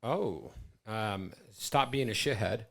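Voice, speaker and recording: A man's voice: lowish voice, takes it slowly, vocal fry, a bit bright. A man in his forties co-hosting a podcast in casual chat, rambling and stammering with plenty of swearing. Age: 40s. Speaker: podcast co-host.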